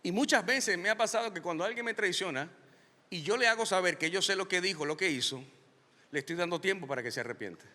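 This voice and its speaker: A male pastor preaching a sermon, stressing key lines by slowing down and raising his voice. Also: high-pitched, bright, forceful tone, long reverb tail. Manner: emphatic preaching, slows and rises on key lines.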